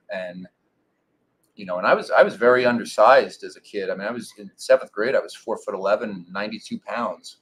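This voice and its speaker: Guy in his 40s, lowish voice, laid-back storytelling, lots of "uh" and "you know". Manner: relaxed storytelling with many fillers. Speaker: guest, former pro baseball pitcher. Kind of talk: casual interview.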